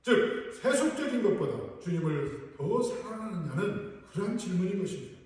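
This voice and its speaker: A man's voice: high-pitched, sing-song, moderate pace, darkish tone. A male pastor preaching a sermon earnestly and putting rhetorical questions to his congregation. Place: large church sanctuary. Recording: echoey hall, voice from far off.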